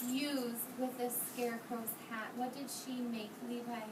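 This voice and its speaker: Reading a story to young children, a high-voiced kindergarten teacher keeps a steady tone and a measured pace. Again and again she pauses to ask questions, encourage and praise her pupils. Her voice is captured from a distance in a roomy space, with clear classroom noise behind it.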